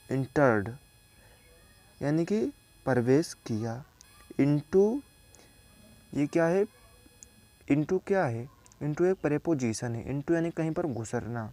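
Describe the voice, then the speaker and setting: A young man from India teaches English word by word, taking his time over each meaning. His voice sits a little high for a man but sounds dark and mellow. He speaks slowly and repeats himself the way a patient tutor does. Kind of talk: explaining an English story line by line.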